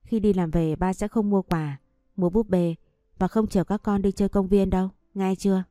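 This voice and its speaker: A woman voicing a regretful young husband and father who gives gentle, pleading instructions to his family. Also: mid-range voice, steady tone, moderate pace, no echo, studio quality, lightly acted. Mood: tearful.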